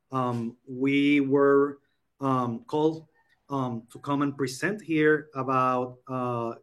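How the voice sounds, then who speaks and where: Male presenter, forties, from Puerto Rico; halting delivery, video-call sound. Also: medium pitch. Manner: hesitant, many ums and uhs. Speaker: program coordinator presenting. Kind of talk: online conference presentation.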